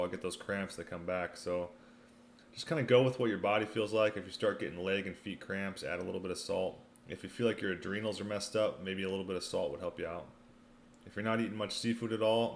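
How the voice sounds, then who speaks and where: A low-pitched man hosts a casual livestream, talking in a loose, slangy way as he eats, sometimes with his mouth full. There is some background noise around his voice. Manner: talks while eating, mouth sometimes full; laid-back slangy delivery, often saying "man" and "you know". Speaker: livestream host answering viewer questions.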